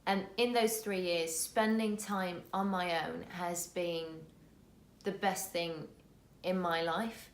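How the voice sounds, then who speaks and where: A woman's voice: lowish voice, steady tone, slow, echoey room, a little hiss or hum. A woman from the Netherlands, a native Dutch speaker in her thirties, co-hosting a casual vlog in an earnest way, often restarting words. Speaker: vlog co-host, actor.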